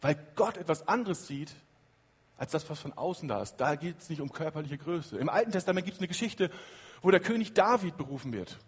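A man preaching a sermon in a lively way, moving between loud emphatic lines and hushed quiet ones. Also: on the high side, a little fast, slightly rough, long reverb tail.

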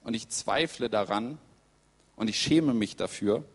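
A man's voice: on the low side, measured pace, slightly rough. Preacher man in a reverberant hall. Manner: lively storytelling, acts out quoted voices. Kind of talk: sermon.

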